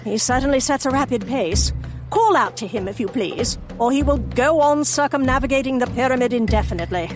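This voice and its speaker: A brisk, commanding Victorian lady. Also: high voice, lively intonation, loud music behind the voice. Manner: crisp, formal and brisk. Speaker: narrator and lead character. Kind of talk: full-cast audio drama.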